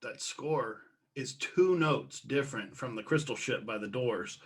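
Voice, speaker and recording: A man's voice: medium pitch, unhurried, fairly bright tone, slightly rough. A man on a casual podcast, telling a story animatedly and acting out his own reactions. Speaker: podcast guest or co-host.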